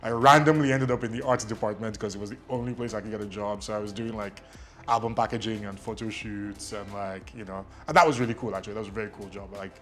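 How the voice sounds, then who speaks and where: A man's voice: lowish voice, fairly even intonation, fast, a bit bright, soft background music. A man from Nigeria whose first language is Ijesha, a guest telling his story with lots of ums and a self-deprecating air. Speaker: guest, media company CEO. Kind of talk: casual interview.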